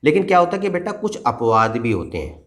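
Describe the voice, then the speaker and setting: A man's voice: mid-range voice, big pitch swings, fairly quick, fairly bright tone. Patient man teaching grammar to children. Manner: patient, repetitive, checks understanding often. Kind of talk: explaining a grammar lesson to children.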